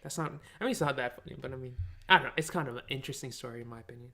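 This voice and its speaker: A man's voice: medium pitch, racing, sharp tone, a little hiss or hum. A young man co-hosting a casual podcast, telling rambling stories full of restarts and fillers. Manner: rambling storyteller, many restarts and "like"s. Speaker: podcast co-host. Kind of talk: casual chat.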